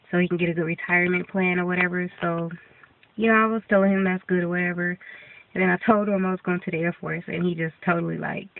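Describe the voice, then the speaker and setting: Sounding stuffed up and on the verge of a cold, a young woman vlogger rambles through a casual update full of ums and false starts. Her fairly low voice has vocal fry, and the distant placement gives it a tinny, phone-like sound.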